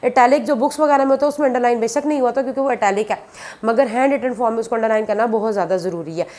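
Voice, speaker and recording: A woman's voice: on the high side, racing, darkish tone. A woman, teaching a biology lesson and explaining each point patiently and repeatedly, often addressing students as "beta". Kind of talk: classroom lecture.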